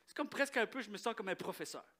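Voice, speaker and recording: A young man, a pastor preaching a storytelling sermon in a lively, anecdotal way with quick restarts. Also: high voice.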